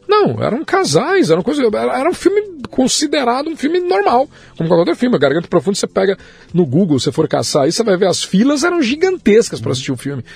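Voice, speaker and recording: A man chatting as a podcast guest, animated and swearing freely, his pitch jumping up when he stresses a point. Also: fast talker, creaky, breathy edge. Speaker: guest, musician and writer. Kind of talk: casual podcast chat.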